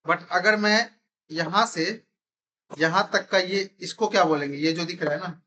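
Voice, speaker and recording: A man's voice: high-pitched, measured pace, pushed and bright, highs cut off. A man teaching a classroom math lesson in speech, constantly quizzing his students with repeated questions.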